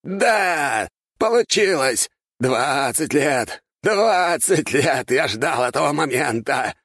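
A furious old archmage, put on by a male narrator, shouts himself hoarse in a strained, raised voice well above his natural register. His delivery is loud and driven by desperate hunger for revenge. The recording is close and dry. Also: mid-range voice, extremely slow, no room sound, voice pushed up. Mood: triumphant shouting. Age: older.

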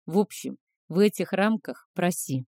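A woman reading aloud and voicing a proud, reserved, icy supernatural man who speaks with measured honesty. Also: lowish voice, animated, dark tone, no echo, clean studio sound.

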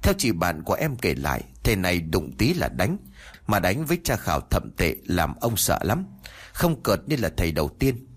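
A man reading a first-person ghost story aloud with expressive narration. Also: low voice, moderate pace, breathy edge.

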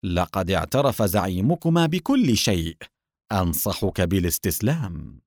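A brave young hero, as a man plays him in an audiobook, calm and quick-witted under threat. He speaks steadily and bluffs with a level, composed voice. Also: sits low, no room sound, studio quality, full character voice. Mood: tense. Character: brave young male hero, cool and cunning.

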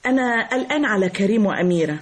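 A woman's voice: mid-range voice, animated, rapid-fire, natural voice. An actress with an Egyptian accent voicing a fussy, nosy woman in a radio drama. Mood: eager. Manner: eager, fussy, nervous laughing. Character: nosy gossiping woman neighbor, middle-aged.

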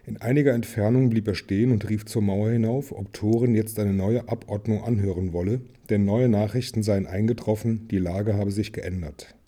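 A man narrating an audiobook in a measured storytelling manner. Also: lowish voice, fairly even intonation, mellow. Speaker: reader.

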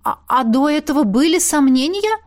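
A woman voicing an impulsive, joking young female magic student who speaks in bright, exclamatory bursts. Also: high voice, expressive, unhurried, voice pushed up. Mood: lively.

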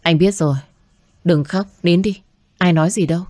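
Firm, protective young man as a woman reads him, low voice, dry mic. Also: moderate pace, warm tone, dry recording, lightly acted. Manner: short, firm replies. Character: young man, well-off, protective, quick to anger.

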